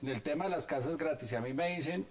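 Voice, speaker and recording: A man's voice: fairly high pitch, fast talker. A man, a commentator in a televised debate who lays out his points in order. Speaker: political commentator.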